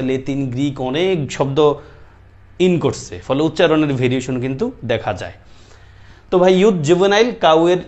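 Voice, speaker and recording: Man drilling an exam class. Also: fairly high pitch. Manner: drills students, repeating each answer and calling them brother. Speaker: teacher. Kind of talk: online exam-prep class lecture. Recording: dull lo-fi recording.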